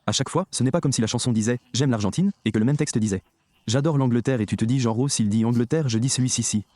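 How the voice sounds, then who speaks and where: A man delivers a sermon with emphasis, addressing the listeners head-on. His voice is dark and mellow, recorded dry and close with no room sound. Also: medium pitch, fast talker, no room sound. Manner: emphatic, addresses the audience directly. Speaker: preacher.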